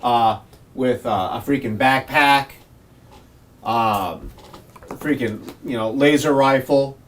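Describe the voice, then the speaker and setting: A man's voice: medium pitch, slow, far from the mic. A man running a tabletop game as game master, narrating in a rambling way full of fillers, recorded in a garage. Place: home garage.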